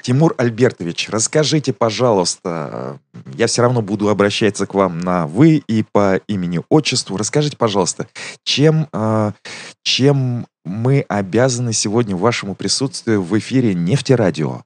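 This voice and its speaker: A man's voice: fairly low pitch, expressive, moderate pace, no room sound. A man hosting a radio interview, courteous and formal, with light teasing. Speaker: radio host.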